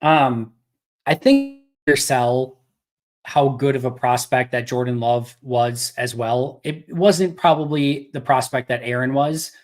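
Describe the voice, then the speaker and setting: Host, male, casual live-stream Q&A voice, loose and chatty, a bit hoarse. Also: medium pitch, slow pace. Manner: conversational, thinks aloud with restarts. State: losing his voice. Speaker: podcast host.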